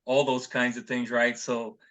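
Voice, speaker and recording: A man co-hosting a podcast chat, measured and storytelling, with occasional hesitations. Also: medium pitch, little pitch movement, a bit bright. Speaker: podcast co-host. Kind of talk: casual panel chat.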